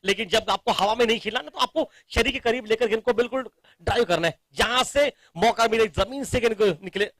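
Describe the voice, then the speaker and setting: Excited, high-pitched Indian man commentating cricket. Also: brisk, no room sound.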